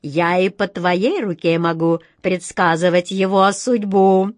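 A woman's voice: lowish voice, steady tone, measured pace, dry recording, studio quality, close to an everyday voice. A woman voicing a greedy old fortune-teller who fawns and wails over her predictions, storybook style. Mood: wheedling. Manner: wailing, fawning and sly.

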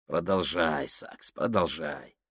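A man voicing a cold, sneering male sailor who speaks slowly and quietly with a cutting edge. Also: lowish voice, no echo, studio quality, close to an everyday voice. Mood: menacing.

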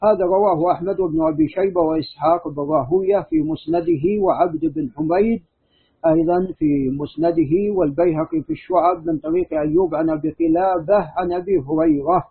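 A man with a fairly high, husky voice lectures as a scholar, walking through narrator chains in a steady, methodical way. The sound is thin and tinny, like a phone line. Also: a little fast. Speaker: hadith scholar teaching. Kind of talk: scholarly lecture with student questions.

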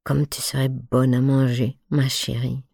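A woman's voice: extremely low pitch, little pitch movement, a little slow, vocal fry, dark tone, no room sound, studio quality, exaggerated voice. Woman voicing a doting boyish lover. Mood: amorous. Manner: teasing, doting, pouting. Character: playful amorous young man, boyish lover.

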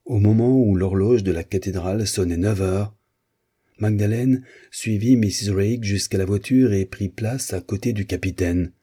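A man narrating a novel as an audiobook in a measured, steady reading. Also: lowish voice, husky. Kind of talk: scripted narration.

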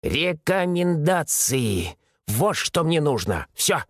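A man's voice: a little high, sing-song, slow pace, dry recording, studio quality, pitched above the performer's own voice, full character voice. A man voicing a strict, angry old woman clerk who barks her words, in an audiobook. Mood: stern. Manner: barking, stern.

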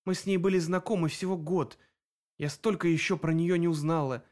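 A man reading an audiobook, voicing a young woman who grieves her murdered friend and wants revenge, with an emotional, sharp voice. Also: on the high side, steady tone, fairly quick, pitched above the performer's own voice, lightly acted. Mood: bitter grief.

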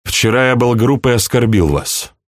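A man's voice: medium pitch, animated, moderate pace, dry recording, studio quality, voice pushed up, natural voice. A man voicing a humbled young count in an audiobook, speaking formally and apologetically. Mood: apologetic.

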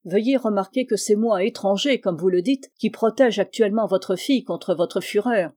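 A woman reading an audiobook, voicing a composed, courteous nobleman who speaks in measured sentences. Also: mid-range voice, warm tone, close to an everyday voice. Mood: calm. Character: calm, courteous nobleman suitor.

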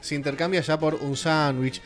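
Soft background music accompanies a man co-hosting an informal radio panel. He has an Argentine Spanish accent, a somewhat high voice with a steady tone, and a moderate pace, and he explains at length with plenty of fillers.

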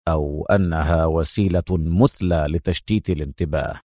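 Brief: man playing a steely agent hero, deep and quiet, firm delivery. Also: moderate pace, no room sound, studio quality. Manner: firm, low, restrained. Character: firm, composed male secret agent hero. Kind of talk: audiobook character voice.

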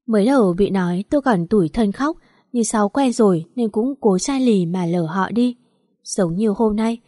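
A woman's voice: mid-range voice, dark tone, dry recording, clean studio sound. A woman narrating a first-person story in a sorrowful, confessional manner.

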